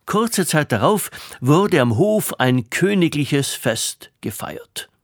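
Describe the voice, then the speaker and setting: Slow, playful male storyteller. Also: fairly high pitch, sing-song, no room sound, clean studio sound. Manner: playful, wry asides. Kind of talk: fairy tale narration.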